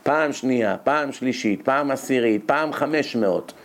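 A man giving a lively religious lecture as a rabbi, rhetorical and animated, his voice jumping up when he scolds. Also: medium pitch. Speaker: rabbi giving a Torah lesson.

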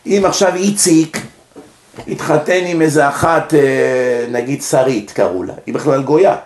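Israeli man lecturing, echoey room, higher-pitched voice. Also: darkish tone. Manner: didactic, asks and answers own questions. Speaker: rabbi giving a religious lecture. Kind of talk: informal Torah lecture to an audience.

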